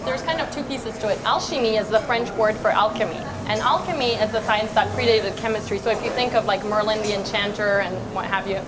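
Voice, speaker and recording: A woman's voice: mid-range voice, brisk, few pauses, music in the background, rough recording. A woman from Switzerland, a skincare founder answering interview questions fluently with many fillers. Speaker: skincare company founder, guest.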